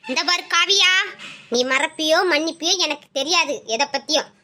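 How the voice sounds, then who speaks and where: A woman's voice: high voice, normal speed, sharp tone. A woman voicing a harsh, domineering mother-in-law who scolds her daughter-in-law in a family drama skit. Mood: scolding.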